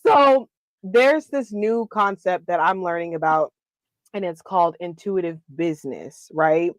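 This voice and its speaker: A woman's voice: lowish voice, a little slow, no room sound, low-quality recording. A woman hosting a talk show in a casual, chatty way, affirming and quoting herself as she tells stories. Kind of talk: casual chat.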